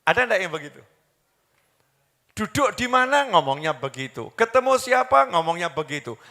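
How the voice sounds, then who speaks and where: A man's voice: high-pitched, very animated, normal speed, pushed and bright. A man preaching an Islamic sermon to a live audience, questioning the listeners, repeating key words and chanting Arabic quotations. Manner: mixes in Javanese phrases and Arabic quotations. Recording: long hall reverb.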